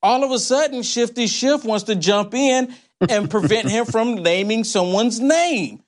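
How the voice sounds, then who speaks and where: A male talk radio host with a distinctly high-pitched voice. He speaks in an opinionated, conspiracy-minded way, sounding incredulous as he stacks up rhetorical questions. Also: a little slow.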